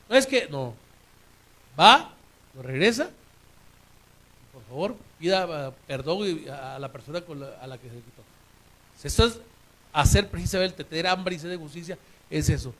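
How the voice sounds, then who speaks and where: A man's voice: fairly high pitch, expressive, moderate pace, pauses often, a bit bright. A man preaching a sermon in a conversational way, asking rhetorical questions of the congregation.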